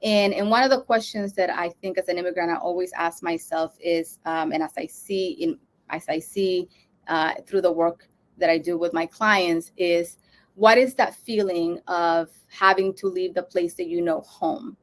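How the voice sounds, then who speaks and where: A woman's voice: lowish voice, fairly even intonation, moderate pace. A woman from Honduras, a social worker, giving an educational talk to fellow social workers, earnest and thinking aloud with frequent fillers and restarts.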